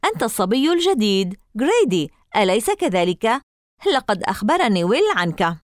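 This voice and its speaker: A woman's voice: mid-range voice, big pitch swings, a little fast, no room sound, clean studio sound, natural voice. A woman reading aloud and voicing a teasing, spooky-minded young girl in an audiobook. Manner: playful, eager, teasing.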